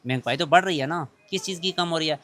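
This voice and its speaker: A man's voice: a little high, fast talker, fairly bright tone. A middle-aged shopkeeper man speaking outdoors in a market lane, pleading and emphatic in a street interview.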